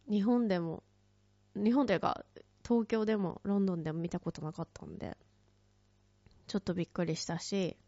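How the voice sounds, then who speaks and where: A woman's voice: mid-range voice, a little mellow, dry recording. A woman telling a casual story in a chatty way, with many fillers, and acting out quoted lines in a raised voice. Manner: many fillers, frequent light laughs. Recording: dull lo-fi, dry close recording.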